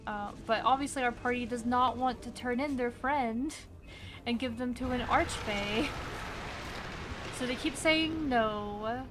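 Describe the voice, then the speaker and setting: A young woman streaming a game, chatting casually and giggling as she talks to the characters. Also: fairly high pitch. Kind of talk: casual gameplay commentary. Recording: game sound noise behind.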